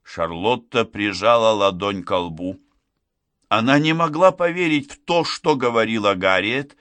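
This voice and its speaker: A man narrating an audiobook in a measured, deliberate reading. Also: fairly low pitch, animated, a bit bright, no room sound. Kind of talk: scripted narration.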